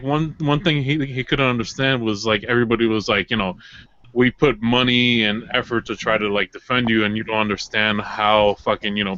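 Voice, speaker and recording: Man, rambling, hesitant, bright tense voice, muffled chat audio. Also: fairly low pitch. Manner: rambling, hesitant, swears often. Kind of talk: casual group voice chat.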